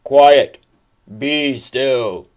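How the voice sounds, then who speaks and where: A woman voicing Jesus as a calm, gentle grown man, speaking slowly in a hushed, commanding way. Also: extremely low pitch, pitched below the performer's own voice, heavily acted.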